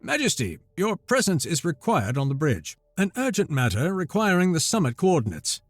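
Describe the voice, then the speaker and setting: A man voicing a soft, deferential palace aide speaking over a speaker. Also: a little high, huge pitch swings, moderate pace, no room sound, studio quality, pitched above the performer's own voice.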